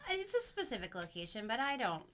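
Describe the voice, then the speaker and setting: A young woman co-hosting a podcast, chatting in a playful, animated way. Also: on the high side, quick pace, crowd noise. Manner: animated, playful, puts on silly voices. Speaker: podcast co-host. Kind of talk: casual chat.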